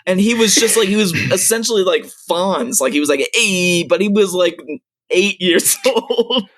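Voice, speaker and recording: A man's voice: sits high, moderate pace, a bit bright. A man co-hosting a podcast, rambling and giggling as he talks. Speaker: podcast co-host. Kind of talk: casual comedic chat.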